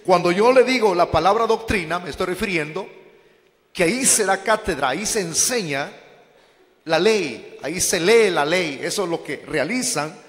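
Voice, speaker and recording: A man's voice: sits high, lively intonation, moderate pace, a bit bright, long reverb tail. A man preaching a teaching sermon, calling his listeners brothers and posing questions he then answers himself.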